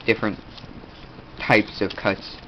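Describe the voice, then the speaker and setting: Showing his kit casually for a video, a stuffed-up teenage boy talks in a flat, fairly low voice. He rambles, stops and starts, and leans on lots of fillers. Faint room noise sits under the dull, lo-fi audio.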